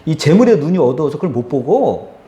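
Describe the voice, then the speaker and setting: A man preaches a Sunday sermon, telling the story vividly and slipping into the characters' voices. His pitch swings widely as he talks, and the sound carries the echo of a church hall. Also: sing-song, brisk, warm tone, lo-fi sound. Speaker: pastor.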